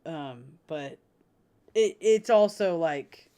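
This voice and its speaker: A woman's voice: fairly low pitch, animated, slow pace, dark tone, smooth. A woman livestreamer chatting casually with her audience, frank and rambling, swearing freely and laughing often. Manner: laughs often between sentences. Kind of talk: casual chat with a live audience.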